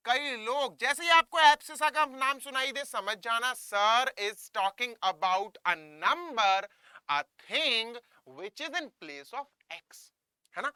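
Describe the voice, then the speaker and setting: A man with an Indian accent teaches a maths class in a lively, coaxing way, his voice swooping up and down. His tone is bright and crisp. The sound is dry and close to the mic. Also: very high voice, drawn-out words, dry recording. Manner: lively, coaxing, mixing Hindi and English, calls students kids. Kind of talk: online classroom lesson.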